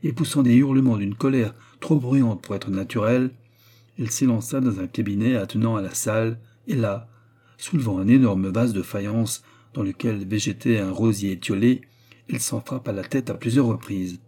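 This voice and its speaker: A man narrating a classic novel as an audiobook with a steady storytelling delivery. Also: on the low side, normal speed, breathy edge.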